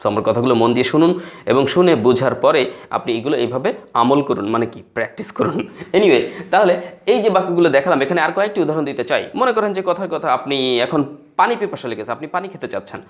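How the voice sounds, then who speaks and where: A man's voice: fairly high pitch, animated, fast talker. Bengali man teaching spoken English. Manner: explains in a mix of Bengali and English, acts out learners' broken English.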